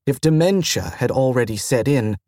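A man narrating an audiobook in a measured, even reading style. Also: medium pitch, no room sound, studio quality.

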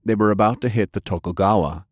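Fast-talking and low-voiced, a man delivers dramatic, scripted narration of an action-fiction audiobook. The recording is dry with no echo and hardly any room sound.

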